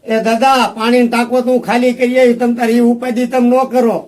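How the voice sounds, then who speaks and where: A man's voice: very high-pitched, flat delivery, a little fast, a little mellow, roomy sound, rough recording. A man playing a put-upon young village lad in a comedy skit, with a plaintive, pleading way of speaking. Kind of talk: amateur comedy film acting.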